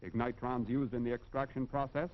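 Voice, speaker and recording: A man's voice: medium pitch, fairly even intonation, fairly quick. An American man reads scripted narration for a 1940s industrial film in a formal, instructive and emphatic manner. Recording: dull, band-limited vintage film soundtrack.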